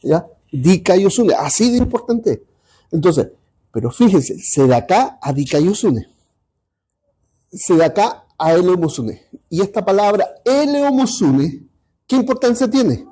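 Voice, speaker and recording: A man teaching a Bible study class, pausing often and checking in with his listeners. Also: sits high, big pitch swings, dark tone. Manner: halting, repeats ¿ya? to check understanding.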